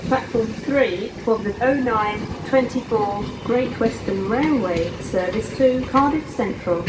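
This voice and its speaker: A woman giving an automated train announcement over a station loudspeaker, measured and formal. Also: fairly high pitch. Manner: measured, formal, evenly paced. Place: large railway station platform. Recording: echoey loudspeaker from far off, loud train noise. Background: trains and platform bustle.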